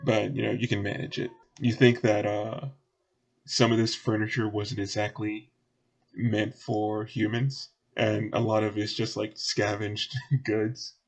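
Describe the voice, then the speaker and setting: A man with a fairly low voice narrates a tabletop game as game master. He rambles in a relaxed way, with many small fillers, as he sets each scene. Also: measured pace.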